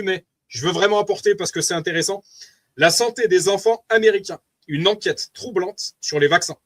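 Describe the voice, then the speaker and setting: A man's voice: high-pitched, a bit bright. A man with a French accent giving an earnest, preachy spoken testimony, reading from notes and commenting aloud to his wife.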